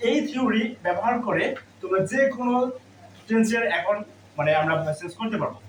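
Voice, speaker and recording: This man speaks in a high-pitched, animated voice at a quick pace, teaching grammar step by step and supplying answers to his own questions. The classroom recording comes from a distant mic in a roomy space, with faint background noise.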